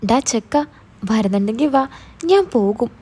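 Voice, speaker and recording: A woman voicing an adult older sister in a spoken story, a quick-tempered schoolteacher who scolds her little brother but loves him. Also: fairly high pitch, darkish tone, husky. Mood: impatient. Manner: scolding, exasperated, then tender.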